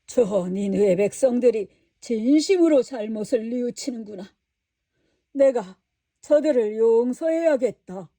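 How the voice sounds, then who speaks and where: A patient God figure, voiced by a woman reading aloud, speaking in a calm, measured way. The delivery is slow and unhurried. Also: on the high side, dry recording. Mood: gentle.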